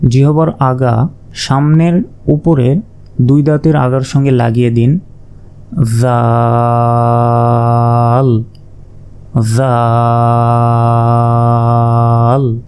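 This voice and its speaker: Slow, patient male Quran teacher. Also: mid-range voice, dark tone, soft background music. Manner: patient, repeats each letter slowly and draws out sounds. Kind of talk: slow recitation lesson.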